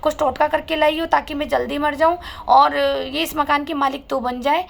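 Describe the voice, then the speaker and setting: A woman's voice: high-pitched, fairly even intonation, normal speed, gravelly. Woman quoting a scornful older mother-in-law. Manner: curt, dismissive.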